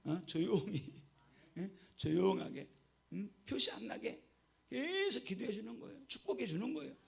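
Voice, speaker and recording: A man's voice: high-pitched, animated, moderate pace, gravelly. A man, a pastor, preaching a sermon and telling stories, often checking in with the congregation with a short "eh?". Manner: storytelling, keeps prompting the congregation with short "eh?".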